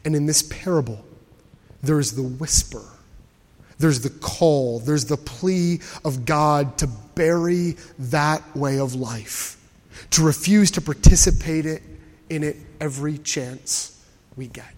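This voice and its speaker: A man preaching a sermon, telling a personal story in an animated way and often repeating words as he goes. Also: fairly high pitch, slow. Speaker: pastor. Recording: preached in a hall with long reverb.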